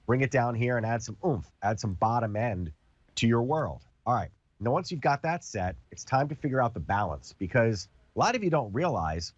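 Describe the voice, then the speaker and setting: Congested from a cold, a male TV host casually demonstrates a product and explains it with everyday comparisons. He speaks at a medium pitch in a dry, lo-fi recording.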